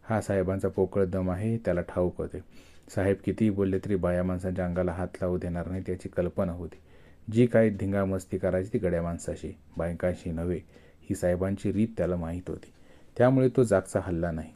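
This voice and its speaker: A man narrating a story in a steady, expressive storytelling manner. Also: low-pitched, a little fast.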